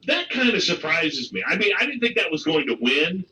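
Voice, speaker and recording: A man's voice: fairly high pitch, brisk, slight background noise, rough recording. A man hosting a morning sports radio show, joking around and reading out listener messages. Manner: joking, animated, reads listener texts. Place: radio studio.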